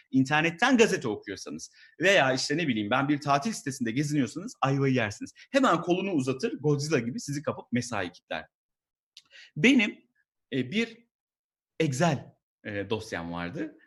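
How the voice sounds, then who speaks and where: Animated man telling a comic story. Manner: animated storytelling, mimics his boss in a high voice. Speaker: stand-up comedian. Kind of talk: stand-up comedy monologue.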